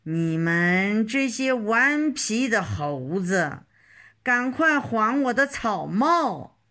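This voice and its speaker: A woman's voice: a little high, big pitch swings, slow, full character voice. A woman playing a scolding old peddler man. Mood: angry scolding. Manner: scolding, shouting. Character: flustered, angry old male straw-hat peddler. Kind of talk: children's storytelling.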